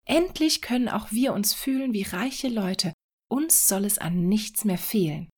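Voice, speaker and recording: A fisherman's wife from a storybook, greedy and sharp-witted, speaking up high and eager, as a woman reader puts her on. Her lines jump above the narration. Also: takes it slowly, exaggerated voice. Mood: eager, scheming. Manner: raised, eager, excited.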